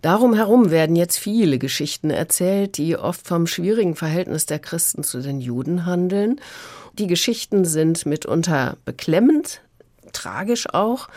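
A woman's voice: deep voice, darkish tone, dry recording. Woman, radio book critic, engaged, fluent, dry studio sound. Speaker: literary critic.

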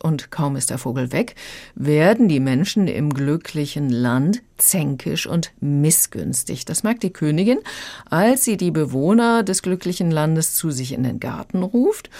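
A woman critic explaining a children's book calmly in a radio review. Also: low voice, dry recording.

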